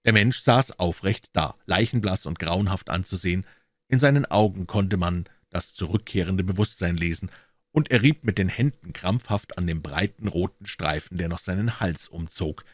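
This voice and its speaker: A man reading a classic detective story aloud in calm, measured narration. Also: low voice, no room sound. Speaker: audiobook reader. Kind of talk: scripted narration.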